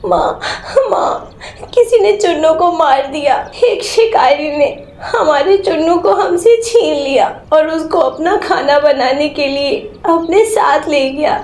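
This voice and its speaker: A woman's voice: sits high, takes it slowly, a little mellow. A woman voicing a young sparrow widow who speaks through tears but stays brave, in a storybook tale. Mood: sobbing. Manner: tearful, sobbing. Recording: roomy echo.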